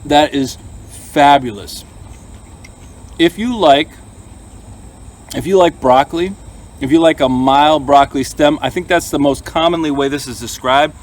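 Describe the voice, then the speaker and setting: A man's voice: on the high side, normal speed. A man hosting a gardening vlog, talking casually and explaining each step as he demonstrates and tastes his harvest. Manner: chatty, plain-spoken, explains each step as he goes. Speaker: gardening channel host.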